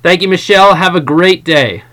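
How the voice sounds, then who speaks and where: A man's voice: high voice, moderate pace, bright, forceful tone. An American man with an American accent, hosting a podcast as a casual interviewer. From United States. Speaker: podcast host.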